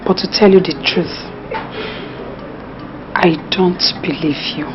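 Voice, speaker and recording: A woman's voice: lowish voice, fairly even intonation, slow pace, background noise. A woman playing a mother who doubts an apology and says so. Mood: skeptical. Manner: skeptical. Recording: dull lo-fi film audio with music.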